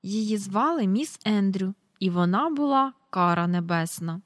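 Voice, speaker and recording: A chatty, slightly pompous middle-aged father from a storybook reading, as a woman narrator puts him on. He speaks mildly at a medium pitch, with a touch more lift than the narration. The sound is dry and close. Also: lively intonation, normal speed, dry recording, lightly acted. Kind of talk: audiobook character reading.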